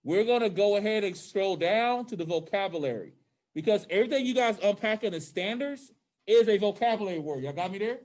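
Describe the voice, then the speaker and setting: A high school social studies teacher instructs students both in person and online, speaking through a face mask that slightly muffles him. He talks informally and often checks that everyone is following. His high voice is expressive, a little fast and a little mellow.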